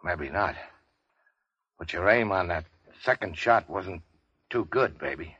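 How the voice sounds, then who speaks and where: Deep-voiced, weary hard-boiled racketeer. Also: male voice, expressive, unhurried, fairly bright tone, slightly rough, heavily acted. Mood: bitter, weary. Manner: clipped, slangy tough-guy talk. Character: wounded, hard-boiled big-shot racketeer, wry and world-weary. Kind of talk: vintage radio crime drama acting. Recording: dull vintage radio recording.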